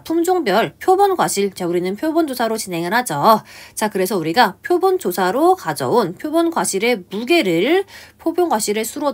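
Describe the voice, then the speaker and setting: A woman lecturer giving an online exam prep lesson, talking through a table step by step and putting questions to her students. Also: a little high. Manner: keeps starting lines with a prompting "ja", asks the class questions.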